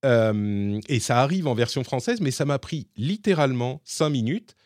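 Man, podcast host, casual explainer, mid pitch, dry close sound. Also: lively intonation, moderate pace, darkish tone, dry recording. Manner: explaining and demonstrating tools live, chatty. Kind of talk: casual tech chat.

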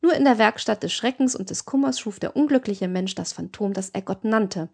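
A woman's voice: mid-range voice, brisk, vocal fry, darkish tone, husky. A woman voicing a brutal male robber chief who lectures with cold, sneering arguments.

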